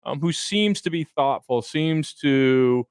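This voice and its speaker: A man's voice: fairly high pitch, lively intonation, slow pace, clean tone, dry recording, studio quality. A man in his fifties, a financial advisor co-hosting a radio show, talking bluntly and joking with folksy analogies. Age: 50s. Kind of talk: casual radio talk.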